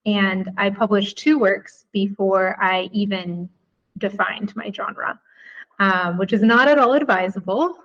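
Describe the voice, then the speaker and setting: A woman from the Chicago area talks as a podcast guest, reflective and friendly, with an occasional um. Her pitch sits in the middle range. The audio is a little dull. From United States, Chicago area. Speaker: guest author. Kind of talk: casual podcast interview.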